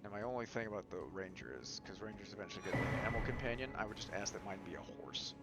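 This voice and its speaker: A man with a Southern accent chatting casually and swearing while playing a co-op game with a friend. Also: racing. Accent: American Southern. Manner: laid-back, swears, lively swings in pitch. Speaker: streamer playing co-op. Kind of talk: casual gaming chat. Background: game music.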